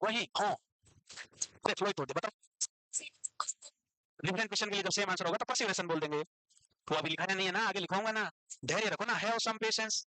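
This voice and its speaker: A man with an Indian accent teaching a nursing class online, dictating English definitions slowly and quizzing his students. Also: high-pitched, bright, forceful tone, dry recording, low-quality recording. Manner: teasing, scolds students playfully.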